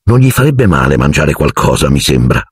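A man's voice: very deep voice, big pitch swings, moderate pace, breathy edge, no room sound, clean studio sound, full character voice. A man voicing a careless teenage schoolboy wizard who talks offhandedly and dreamily. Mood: offhand. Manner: offhand and dreamy about sweets.

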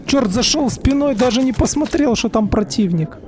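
A man's voice: extremely high pitch, lively intonation, moderate pace, a little mellow, a little hiss or hum. Foul-mouthed man commenting over a game. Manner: foul-mouthed, grumbling, sarcastic. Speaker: gamer commenting on own playthrough. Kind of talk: casual gameplay commentary. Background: video game soundtrack, shooting.

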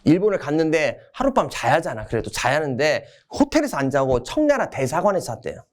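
A man's voice: on the high side, sing-song, quick pace. A man giving a casual exam-prep history lecture, telling it as a story. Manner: casual, storytelling, acts out quotes.

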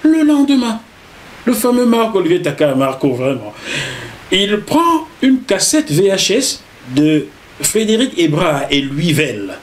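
A middle-aged man with a Cameroonian French accent tells his story in a casual interview. His voice sits a little high for a man, and he stays lively throughout. Faint hiss runs under the recording. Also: a little slow. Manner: animated, repeats words while telling a story. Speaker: interview guest, journalist.

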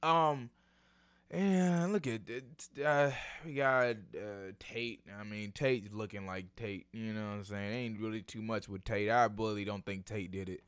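A man's voice: on the low side, a little slow, smooth. A young man hosting his own video channel, breaking down a TV trailer in casual slangy chat and often calling out to his viewers. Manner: excitable, slangy, addresses viewers as y'all. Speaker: YouTube channel host.

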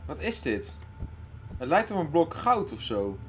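Guy doing let's play commentary, kinda high voice, jumpy and panicky, faint music behind. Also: big pitch swings, a little slow. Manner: jumpy, loudly panicking, talks to himself. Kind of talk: casual gaming commentary.

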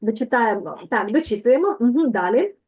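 Give me a patient woman language teacher on a video call, fairly high-pitched, repeating words slowly. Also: expressive, a little mellow, slightly rough, lo-fi sound. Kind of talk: online language lesson.

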